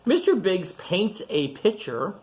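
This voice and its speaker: Pitch swooping wildly, his high, slightly mellow voice guides children through a picture book at storytime. The host keeps pausing to point to the illustrations and talk about them in plain, repetitive phrases.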